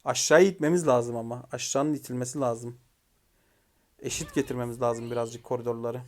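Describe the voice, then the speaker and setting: A young man commentating his own mobile game match, excitedly shouting commands at teammates and venting frustration. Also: medium pitch, a little fast. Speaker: gaming YouTuber. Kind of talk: live gameplay commentary.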